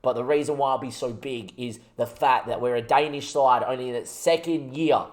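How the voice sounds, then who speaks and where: On a live stream, a young gaming streamer plays a football management game and talks it through, his voice at a medium pitch and moderate pace. He's excitable and chatty with his viewers, hyping himself up with rallying talk.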